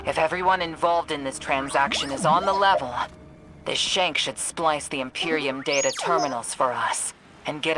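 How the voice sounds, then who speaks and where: In a video game, a male actor with a slightly high voice plays a steady, wary mission handler briefing a soldier. The delivery is dry and serious, and only lightly acted.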